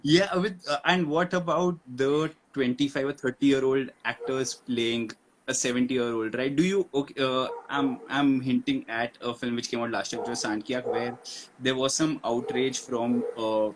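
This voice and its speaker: A man hosts the interview at an ordinary middle pitch. He searches for his words, stopping and restarting his questions. Faint background noise sits under his voice. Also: fairly even intonation, moderate pace, rough recording. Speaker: interviewer, host. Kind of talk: interview conversation.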